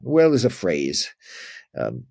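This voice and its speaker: Gravelly low-voiced man lecturing on history. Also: wildly swooping pitch, slow, warm tone, dry recording. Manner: rambling, with many restarts and asides. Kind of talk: informal spoken lecture.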